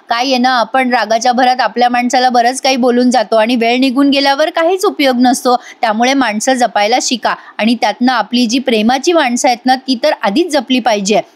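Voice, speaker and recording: Female recap vlogger with a high voice, dramatic storytelling that talks straight to the viewers. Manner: lively, dramatic, addresses viewers directly. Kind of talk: retelling a TV serial episode.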